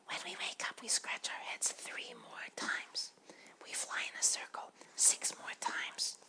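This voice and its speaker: A man voicing a group of gentle, habit-bound butterflies in a breathy whisper. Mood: hushed. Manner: breathy unvoiced whisper, soft and slow.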